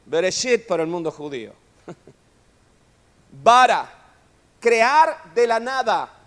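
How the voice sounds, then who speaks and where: A man preaching a sermon in a church hall, animated and joking with his listeners, often calling them brother. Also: high voice, measured pace. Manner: animated preaching, constantly saying "hermano", jokes with the audience. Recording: long reverb of a church hall.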